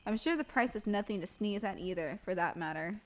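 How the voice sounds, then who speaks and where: A woman's voice: medium pitch, expressive, fairly quick, natural voice, rough recording. A woman voicing a young male defense lawyer in her own voice, reading game narration in a dry, wry manner. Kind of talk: reading game dialogue aloud.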